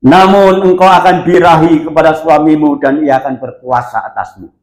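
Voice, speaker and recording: A man preaching a lively sermon, telling stories and asking the congregation questions. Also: fairly high pitch, normal speed. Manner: animated storytelling, asks the congregation questions. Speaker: pastor. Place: church hall. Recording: echoey church hall.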